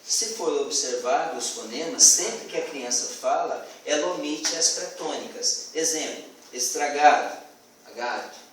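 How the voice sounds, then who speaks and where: A man gives a student class presentation, pausing often with fillers and restarts. His voice sits a little high and is picked up from across a very echoey classroom, with faint hiss behind him. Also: far from the mic. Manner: hesitant, many fillers and restarts.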